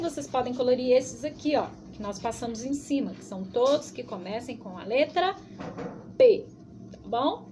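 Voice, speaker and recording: A high-pitched woman with a Brazilian Portuguese accent teaches small children in a recorded video lesson. She talks slowly and patiently, stretching syllables in a sing-song way. A faint hiss sits under her voice. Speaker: preschool teacher.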